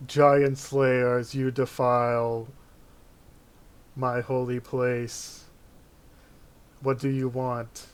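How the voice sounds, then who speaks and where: Man playing stern giant god, booming, very slow grand pronouncements, flat intonation, tabletop fantasy game. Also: clear, resonant tone.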